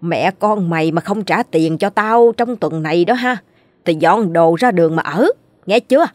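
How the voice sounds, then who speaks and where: A woman voicing a harsh, threatening older woman who collects debts, in a sharp scolding tone. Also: on the low side, normal speed, lightly acted.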